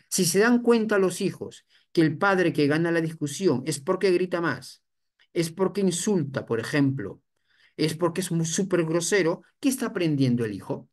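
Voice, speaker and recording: A family counselor gives an educational talk in a voice of middling pitch. The delivery is explanatory and a little halting, with frequent restarts and rhetorical questions that drive each point home. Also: darkish tone. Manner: explanatory, repeats points, often adds "for example". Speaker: family counselor addressed as doctor.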